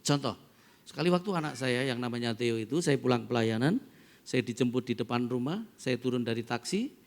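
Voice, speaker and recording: A middle-aged pastor from East Java, preaching a sermon that moves between storytelling and loud, emphatic preaching. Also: male voice, medium pitch, animated, fairly quick, creaky. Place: large church hall. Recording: long church-hall reverb.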